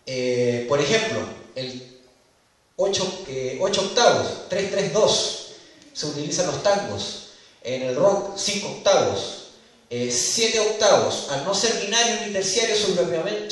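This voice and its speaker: A man preaching in a church, explaining rhythm and harmony step by step and counting beats aloud. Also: high-pitched. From Chile. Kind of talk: sermon teaching on music theory. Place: church hall. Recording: very echoey church hall, mic far off.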